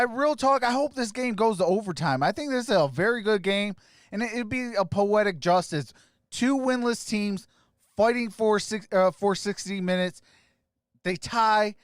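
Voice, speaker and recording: A man hosting a sports live stream, casually greeting viewers by name and giving shout-outs as he reads their comments. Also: high-pitched, expressive, normal speed, no room sound, clean studio sound.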